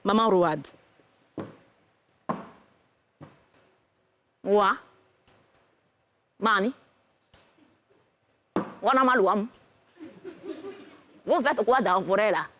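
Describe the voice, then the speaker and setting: Brief: woman playing a scolding very old village woman, pitched low, blunt and mocking. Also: animated, slow pace, pauses often, fairly bright tone, a little hiss or hum. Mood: suspicious.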